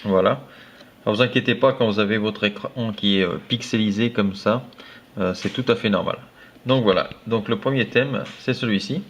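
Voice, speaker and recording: A man, a tech blogger, walking viewers through phone themes in a casual, halting way full of fillers. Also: fairly low pitch, a little hiss or hum. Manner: halting, filler-heavy, friendly. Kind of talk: casual screen-recorded walkthrough. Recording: dull lo-fi recording.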